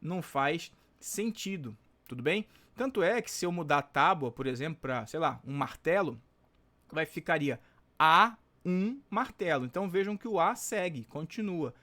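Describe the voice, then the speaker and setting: A male teacher with a Brazilian Portuguese accent works through exam questions in a prep lesson, speaking in a somewhat high, expressive and fairly bright voice. Chatty, he checks in with the class using tag questions after nearly every sentence and stretches example words out slowly.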